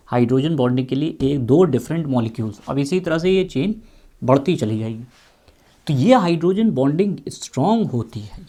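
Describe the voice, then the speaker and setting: Mellow-voiced male chemistry teacher. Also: a little high. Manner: repeats key questions, drawls out terms while writing. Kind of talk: explaining chemistry at a whiteboard.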